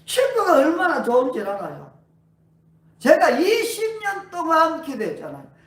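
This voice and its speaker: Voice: high-pitched, huge pitch swings, normal speed, fairly bright tone, recorded from a distance. A pastor preaching a sermon at a healing revival, asking the congregation question after question. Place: church sanctuary. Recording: roomy church hall, voice away from mic.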